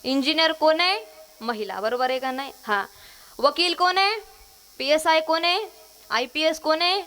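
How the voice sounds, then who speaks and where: A woman's voice: high voice, animated, normal speed, bright, forceful tone. A woman kirtankar from Maharashtra, giving a devotional sermon to a women's gathering, quizzing the crowd and singing verses. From Maharashtra, India. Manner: call-and-response, quizzing the audience, sings verses. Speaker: kirtankar preacher.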